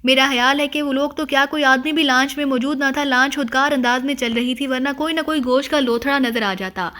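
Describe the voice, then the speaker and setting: A woman's voice: high voice, fairly even intonation, sharp tone. A woman voicing a nervous, flustered female assistant in an audiobook. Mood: puzzled.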